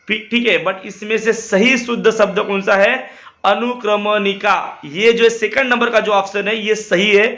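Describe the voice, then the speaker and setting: A man teaching an exam-prep lesson on correct spelling. He speaks, repeats words slowly and talks straight to his students. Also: high voice, sharp tone.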